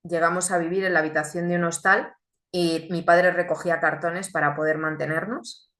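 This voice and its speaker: A woman gives a faith testimony in an earnest, reflective way and often poses rhetorical questions. Her voice is bright and forceful. The room around her sounds echoey. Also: fairly low pitch, steady tone, moderate pace. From Chile, raised in Spain. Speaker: speaker giving a faith testimony. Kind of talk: testimony talk.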